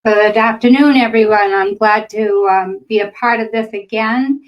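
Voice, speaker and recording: An older woman from northern Maine with a Boston accent teaches a grant-writing webinar, chatty and full of ums and uhs. Her medium-pitched voice has fairly even intonation at normal speed, captured lo-fi through a webinar microphone.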